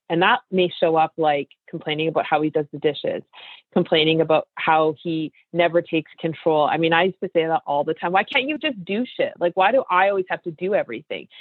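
A woman's voice: fairly low pitch, dry recording. A woman in her fifties hosting an interview chat, talking in an emphatic, coaching way and speaking straight to her listeners. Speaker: podcast host and coach. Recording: tinny phone-like line, dry.

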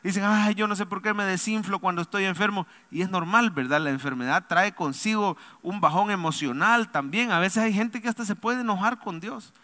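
A male pastor preaching a sermon, leading the congregation to answer him aloud and swinging between loud emphatic lines and soft low asides. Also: fairly quick, few pauses. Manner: preaching with call-and-response to the congregation. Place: church sanctuary. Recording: long reverb of a large hall.

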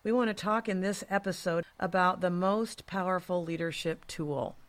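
A woman's voice: on the low side, steady tone, moderate pace. A woman hosting a podcast, talking in a reflective, earnest way and often murmuring agreement. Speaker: podcast host. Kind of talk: conversational podcast talk.

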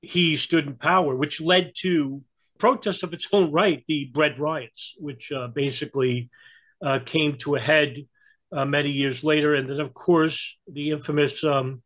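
A man with a New York accent giving conversational political and historical commentary, in a halting way with frequent hesitations. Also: on the high side, fairly even intonation, a bit bright, poor audio. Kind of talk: conversational explanation.

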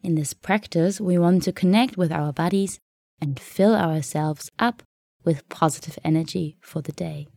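A woman guiding a meditation in a soft, soothing, unhurried way, leaving long pauses between phrases. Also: fairly low pitch, creaky, no room sound, studio quality. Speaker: meditation guide. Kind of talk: guided meditation narration.

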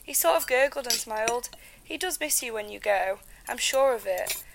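A woman's voice: a little high, lively intonation, normal speed, noisy background. A British woman playing an affectionate, eager wife and mother calling home news in an audio drama. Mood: caring.

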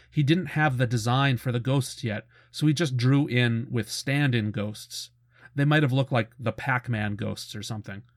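A man's voice: mid-range voice, no echo, studio quality. A middle-aged man hosting a show with casual, informative commentary and a fan's conversational enthusiasm. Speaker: host of a cartoon retrospective show. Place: close, dry voice-over recording.

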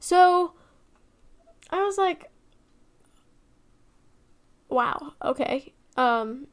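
A young woman telling a personal family story, emotional and shifting between hushed and excited. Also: sits high, very slow. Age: young adult.

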